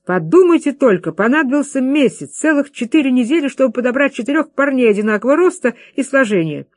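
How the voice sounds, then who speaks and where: Brief: eager scheming young ringleader, pitched up, as a storybook reader puts him on, dry booth. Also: lively intonation, quick pace, darkish tone, dry recording. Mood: excited. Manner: eager, persuasive, rallying.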